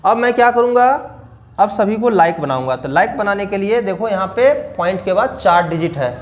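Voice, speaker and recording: A man's voice: sits high, expressive, brisk. A man teaching a math lesson to children, explaining each step and often asking the class questions.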